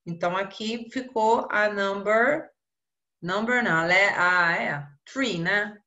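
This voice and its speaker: A woman teaching English in a live online class with a Brazilian Portuguese accent, explaining exercises slowly with many fillers and tag questions. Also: mid-range voice, pushed and bright, dull audio. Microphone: video call.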